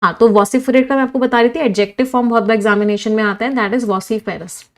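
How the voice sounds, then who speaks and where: A woman's voice: a little high, steady tone, a little fast. A woman teaching English vocabulary for exams in a live online class, switching between Hindi and English and asking questions she answers herself. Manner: reads chat comments from live viewers. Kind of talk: live online exam-prep vocabulary lesson.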